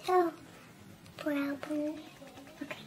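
A vlogger with a helium-like chipmunk pitch-up effect, chatting casually and uncertainly to themself through a task. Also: steady tone, slow pace, a little hiss or hum. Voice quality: high squeaky chipmunk, helium-like voice from pitch-shifting. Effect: chipmunk pitch-up filter. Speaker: beauty vlogger. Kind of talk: casual chat while doing a makeup challenge.

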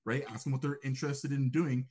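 A man's voice: medium pitch, fairly even intonation, a little fast, a little mellow, soft background music. A young man giving a casual lecture, talking conversationally and often checking in with "right?". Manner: acts out upbeat greetings in a raised voice.

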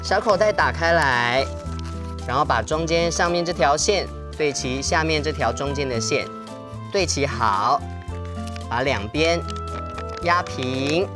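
A man's voice: a little high, expressive, a little slow, music in the background. A young man with a Taiwanese accent hosting a children's origami lesson, speaking simply and coaxingly as if to toddlers. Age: young adult. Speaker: children's show host. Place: television studio.

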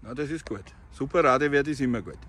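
Speaking fast in a mid-range, slightly bright voice, a man with an Austrian accent chats casually while filming his CB radio meetup. He's an amateur operator, recorded outdoors beside a road.

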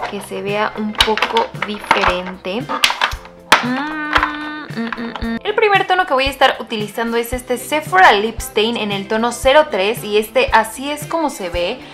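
A woman's voice: fairly high pitch, lively intonation, normal speed, loud music behind the voice. A young woman in her twenties chatting casually to camera as a beauty vlogger, gushing about her picks with many fillers and restarts. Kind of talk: casual makeup chat to camera.

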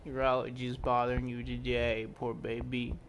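A man with a medium-pitched, monotone voice talks at a moderate pace as a pet vlogger, chatting casually to the camera and his dog and coaxing it with repeated simple questions. He films from behind a handheld phone or camera in a hallway and carpeted room at home, and the amateur recording is noisy.

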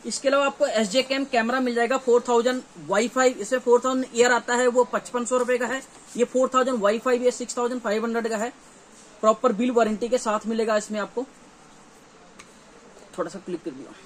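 A dealer in his thirties with a North Indian accent speaks briskly in an extremely high voice with fairly even intonation. He gives an informal, repetitive sales showcase to camera in a small, cluttered indoor gear shop. The recording is low quality, with faint shop background noise.

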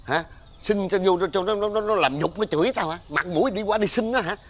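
An actor playing an irritable, superstitious older father, scolding loudly in a TV sitcom. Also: a little high, very animated, quick pace. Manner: scolding, blustering, loud rants. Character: irritable superstitious old father, Tết-obsessed. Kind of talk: TV sitcom acting.

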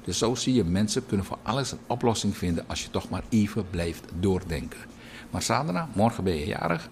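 A middle-aged radio and TV presenter from Suriname, with a very low voice, reads out birthday wishes like a broadcast host, speaking a little fast. He is chatty and lively, drifting into anecdotes between names, over a faint ambient hiss.

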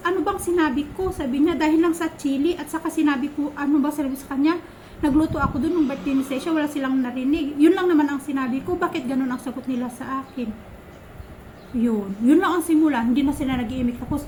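Woman, Filipino, 30s, vlogger, high-pitched, exasperated casual storytelling, faint background noise. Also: darkish tone, low-quality recording. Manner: chatty, exasperated, retells quarrels with quoted lines.

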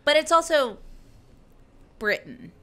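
A young woman chatting on a podcast at an unhurried pace, her voice bright and forward. She laughs often and leans on fillers like "like". Now and then she drops into mock voices to land a joke. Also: high voice, very animated. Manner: giggly, filler-heavy, mock voices for jokes. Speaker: podcast co-host. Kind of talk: casual chat. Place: lives in Buffalo, New York.

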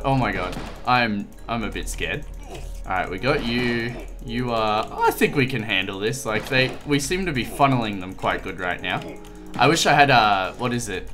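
An excitable young man talks through a video game, his pitch swinging widely. He drops to low mutters and then bursts into high, scared exclamations. Faint music plays behind him. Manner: excitable, jumps to high yelps when scared. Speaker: gaming YouTuber. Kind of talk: let's-play commentary.

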